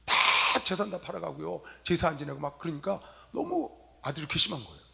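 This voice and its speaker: A middle-aged man preaching a sermon to young people in a convention hall, telling stories with loud stresses and soft asides. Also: on the high side, brisk, vocal fry. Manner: animated storytelling, swinging from loud emphasis to soft asides. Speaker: pastor.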